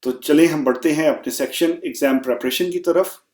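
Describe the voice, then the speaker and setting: A man teaching vocabulary, saying each word slowly and repeating it so learners can echo him. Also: on the high side, a little mellow. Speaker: German teacher. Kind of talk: vocabulary lesson. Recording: echoey room.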